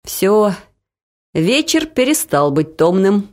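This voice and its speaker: A woman putting on a shrill bossy older mother, Caucasian accent, coaxing then scolding, voice leaping high. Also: sing-song, slow, darkish tone. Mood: indignant. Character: pushy older mother, brash and doting.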